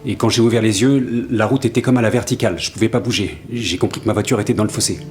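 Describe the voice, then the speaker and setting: A man's voice: on the low side, steady tone, fast talker, over music, natural voice. An actor playing an earnest, slightly hesitant salesman in his thirties testifying in a courtroom audio drama. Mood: earnest, shaken. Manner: hesitant, earnest witness account. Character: grateful 35-year-old travelling salesman testifying in court.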